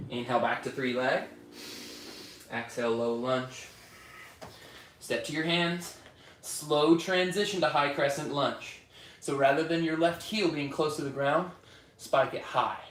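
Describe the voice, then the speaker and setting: A man's voice: mid-range voice, slight background noise. Man cueing yoga in a roomy studio. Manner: calm directive cueing, breath-paced. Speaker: yoga teacher. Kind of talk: guided yoga class instruction. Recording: roomy studio echo from far off.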